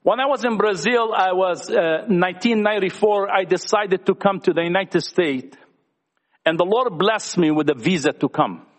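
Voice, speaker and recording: A man's voice: high voice, normal speed. A man sharing his personal testimony at a church gathering, talkative and earnest as he speaks to young people. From Lebanon. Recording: echoey hall.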